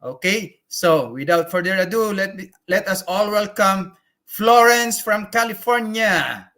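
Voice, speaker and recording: A man's voice: sits high, unhurried, bright, forceful tone. A man hosting a live online talk show, upbeat and effusive, often laughing as he welcomes and questions his guest.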